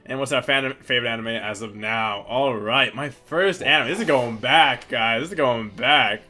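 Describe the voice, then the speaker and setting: A young man with a bright, forward voice chats casually as co-host, working through viewer questions. His talk is loose and rambling, full of fillers and quick laughs, with faint music under it. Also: medium pitch. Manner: laid-back, rambling, lots of fillers and laughs. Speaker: channel co-host.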